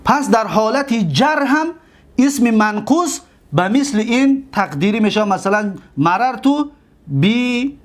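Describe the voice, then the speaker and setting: Man, Tajik accent, high voice, teacher, slow repetitive explanations, questions to the class. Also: animated. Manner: explains slowly, repeats words, asks students questions. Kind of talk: classroom grammar lesson.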